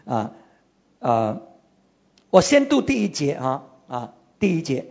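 Preacher retelling a scripture story, husky and animated, on muffled lo-fi audio. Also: mid-range voice, slow. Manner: animated storytelling with frequent "ah" fillers. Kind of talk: sermon.

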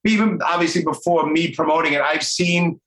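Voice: mid-range voice, fairly quick, a bit bright. A podcast host with a Brooklyn accent, chatting casually and off the cuff, informally repeating words and phrases. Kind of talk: casual, off-the-cuff interview chat. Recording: roomy, echoing sound.

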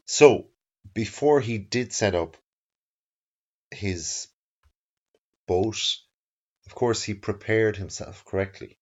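A man hosting, narrating an introduction to an interview in measured, emphatic phrases. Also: on the low side. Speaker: host. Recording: dull, muffled sound.

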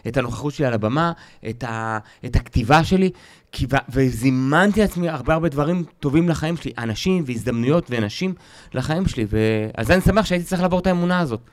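A man's voice: medium pitch, no room sound. A man who is a stand-up comedian, telling stories in a casual podcast chat and acting out the voices he quotes. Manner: animated storyteller, acts out quoted voices.

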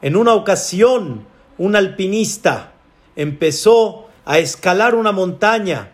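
High-voiced, slow-speaking preacher. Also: male voice. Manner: dramatic storyteller, acts out voices. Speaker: rabbi. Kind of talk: sermon with dramatized story.

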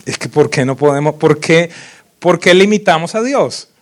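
A man preaching a sermon as a pastor, lively and full of sudden loud rises and teasing impressions of worshippers. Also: fairly high pitch, moderate pace.

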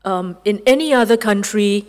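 A woman speaks to a panel audience in a raspy, hoarse voice, her words slightly muffled as if she has a lozenge in her mouth. Her pitch sits in a middle range. A long reverb trails after her in the hall. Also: normal speed, a little mellow. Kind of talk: formal talk to an audience.

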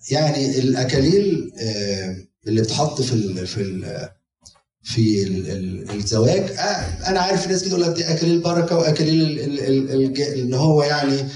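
A man with an Egyptian accent preaching a sermon to a congregation, telling stories and acting out the people in them. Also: mid-range voice. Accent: Egyptian Arabic. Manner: animated storytelling, acts out quoted people. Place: church hall before a congregation. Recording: echoey hall, mic from far off, audience behind.

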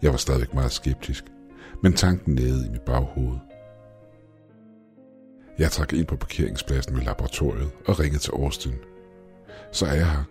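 Very deep-voiced male storyteller. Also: pauses often, darkish tone, faint music behind. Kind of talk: scripted story narration.

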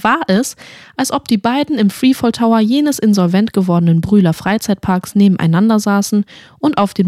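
A woman narrating a fantasy story in an expressive audiobook reading. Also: mid-range voice, no echo, studio quality.

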